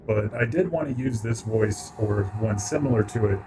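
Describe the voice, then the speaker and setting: A man's voice: moderate pace, background noise. Man through a warbly voice changer. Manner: offhand, joking asides over game audio. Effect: warbly pitch-shifting voice changer. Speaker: streamer. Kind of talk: casual let's-play commentary.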